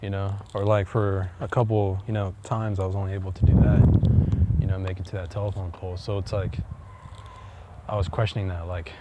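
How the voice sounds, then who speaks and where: Guy vlogging on his walk, kinda low voice, rambly, lots of ums, wind blasting the phone mic. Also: level tone, brisk. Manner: rambling, hesitant, many fillers and restarts. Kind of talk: casual chat while walking. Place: outdoors on a windy walk. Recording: loud wind noise on the mic.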